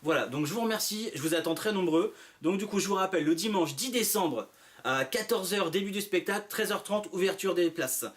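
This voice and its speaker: This is a Frenchman with a fairly high voice, speaking as a magician promoting his act. He talks straight to viewers in an animated, playful showman's patter, tossing out questions and answering them himself. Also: a little fast.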